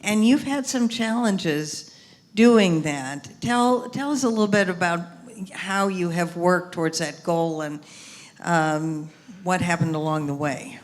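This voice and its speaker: A woman moderating a panel, introducing a guest in a measured way, listing items one by one. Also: lowish voice. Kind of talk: introducing a guest and asking a question.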